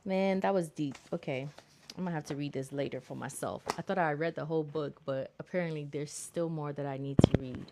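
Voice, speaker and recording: Low-voiced woman hosting a motivational stream. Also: brisk, noisy background. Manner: earnest, motivational, casually swearing. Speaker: livestream host. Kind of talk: casual self-help commentary.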